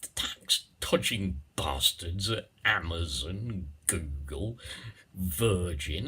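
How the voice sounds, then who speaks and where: A man with a very raspy, forceful voice rambles through a satirical monologue. His pitch leaps about dramatically as he digresses, repeats himself and adds little tag questions.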